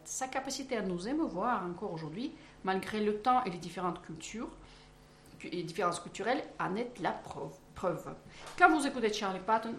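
A woman on a radio music show, mixing lively chat with emphatic readings from a book. Her voice sits in an echoey studio with faint noise behind. She teases her co-hosts between passages. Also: medium pitch.

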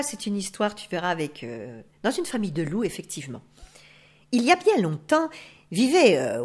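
A woman storyteller reading tales aloud in an expressive, lively way. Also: mid-range voice.

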